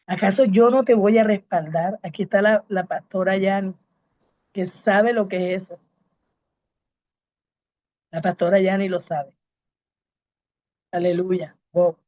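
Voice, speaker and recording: A woman's voice: medium pitch, steady tone, unhurried, pauses often, a little mellow, no echo, muffled recording. A woman pastor and evangelist, giving a fervent preaching testimony to a congregation and repeating her key phrases. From Colombia.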